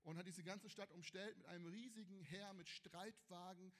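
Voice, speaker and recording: Brief: high-pitched male youth preacher, casual sermon, animated storyteller with slangy exclamations, slightly strained voice. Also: moderate pace.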